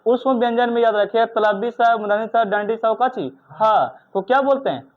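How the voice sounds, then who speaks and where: A man's voice: very high-pitched, normal speed. A male teacher in a classroom, running a grammar lesson and firing questions at students, stern and scolding. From India. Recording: tinny phone-like recording.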